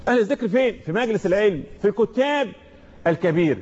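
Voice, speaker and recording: A man's voice: sits high, expressive, a little mellow, slightly rough. Egyptian man teaching Quran recitation, lo-fi. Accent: Egyptian Arabic. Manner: patient, repetitive, explains letter by letter and chants verses slowly. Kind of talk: tajweed lesson with call-and-repeat recitation. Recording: dull lo-fi recording.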